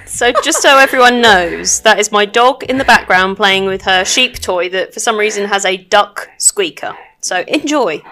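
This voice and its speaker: A woman's voice: mid-range voice, normal speed, few pauses, bright, forceful tone. A woman co-hosting a podcast in casual chat, jokey and chatty as she tells stories. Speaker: podcast co-host.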